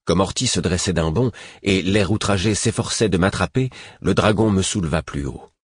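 A man reads a fantasy audiobook in the first person with a steady, measured delivery. His voice is very low and husky, and the recording is close and dry with no room sound. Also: no room sound. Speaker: audiobook narrator. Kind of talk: scripted first-person narration.

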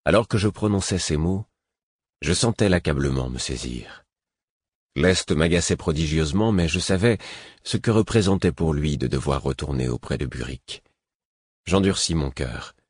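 A man narrating a fantasy novel in the first person, steady and measured. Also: a bass voice, breathy edge, no room sound, studio quality. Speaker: audiobook narrator.

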